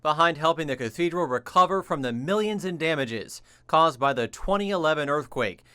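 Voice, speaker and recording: A man's voice: fairly high pitch, animated, brisk, sharp tone, clean tone, dry recording. An American man working as a reporter, narrating a scripted television news feature. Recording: music behind the voice. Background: music bed.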